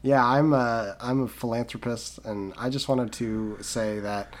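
A man's voice: medium pitch, fairly even intonation, a little slow, pitched below the performer's own voice, lightly acted. A man playing a rambling, hesitant rich caller who has a cold, in a comedy podcast bit.

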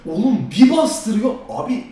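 A young man hosting a casual chat who calls himself excitable and short-tempered, talking loudly and swearing freely. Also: very high voice, moderate pace, very noisy. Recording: very echoey room, away from the mic.

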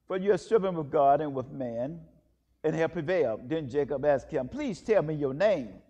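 A man leading a church service, intoning prayers and reading scripture in a measured, solemn way, with a cathedral echo around his voice. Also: fairly high pitch, expressive, mellow. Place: large church. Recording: long echoing church reverb.

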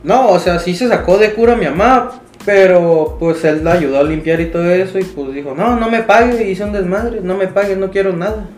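A young man with a Mexican accent telling a story in casual chat, slangy and animated, acting out quoted voices. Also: high-pitched, normal speed. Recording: roomy sound with faint music.

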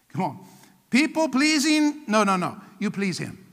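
A man's voice: high-pitched, a bit bright. A man preaching a sermon as pastor, emphatic and rousing, calling out to his congregation. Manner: emphatic call-and-response preaching. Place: church. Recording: church hall reverb.

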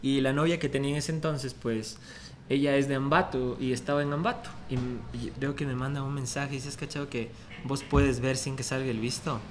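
A young man telling stories in a relaxed, slangy way during a casual podcast chat in a bar. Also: mid-range voice, fairly quick, a little hiss or hum. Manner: laid-back storytelling, slangy. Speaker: musician guest. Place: bar, indoors.

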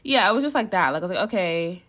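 A woman's voice: medium pitch, very fast. A young woman telling a story in casual chat, full of "like" fillers, who acts out the voices of others as she talks. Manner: chatty, lots of "like" fillers; animated, acts out what others said.

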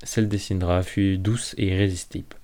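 Brief: male audiobook narrator, calm and measured, low mellow voice. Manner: calm, measured reading with small slips. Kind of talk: fantasy novel narration.

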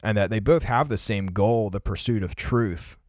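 A low-voiced man in his early 20s co-hosts a podcast about favorite films, speaking at a moderate pace in a relaxed, conversational way. He explains his ideas reflectively, leaning heavily on fillers like "like" and "you know." The recording is dry, with very little room sound and no echo.

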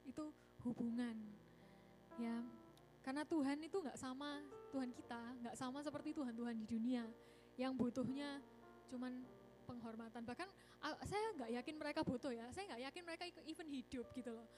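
A woman preaching a casual youth sermon in a church, chatty and animated, often calling the congregation brothers and sisters. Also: sits high, fairly quick, soft background music. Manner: chatty, animated, mixes English words, often says "saudara-saudara". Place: church service.

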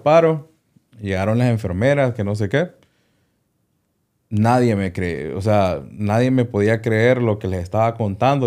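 Man, doctor, interview guest, low voice, hesitant storytelling, repeats small words. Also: dark tone. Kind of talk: recounting a personal story in an interview.

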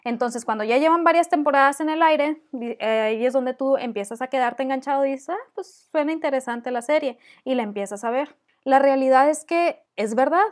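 A woman talks straight to her listeners in a solo podcast. Her voice sits a little high, and her tone stays encouraging and chatty. She stacks her points in repeated phrases. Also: brisk. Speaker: podcast host. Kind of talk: solo podcast advice talk.

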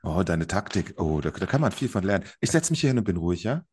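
A man's voice: low-pitched, sing-song, fast, a little mellow, slightly rough, heavily acted. A man voicing a chatty, soothing vampire woman who stammers and rambles, in a tabletop role-play.

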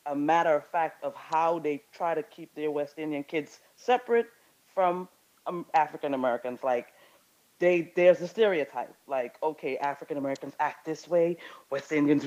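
Halting man from Guyana, lo-fi. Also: fairly high pitch, darkish tone. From Guyana and Brazil. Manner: halting, many fillers and restarts. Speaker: participant in an audio chat room. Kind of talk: casual discussion. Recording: dull lo-fi audio.

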